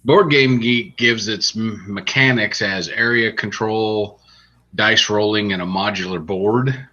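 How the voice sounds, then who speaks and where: Speaking a little slowly in a low, steady, sharp-toned voice, a man co-hosts a laid-back podcast. Between dry jokes he walks through board games in a chatty review, and the sound is dull and lo-fi.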